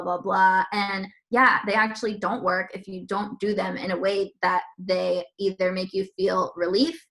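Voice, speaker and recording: Woman author guest, mid-pitched voice, earnest and explanatory. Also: a bit bright, rough recording. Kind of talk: casual conversational interview.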